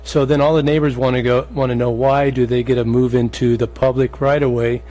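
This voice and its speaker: A man speaking as a commissioner at a public meeting, plain-spoken and informal as he deliberates. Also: medium pitch, little pitch movement, mellow. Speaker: planning commissioner.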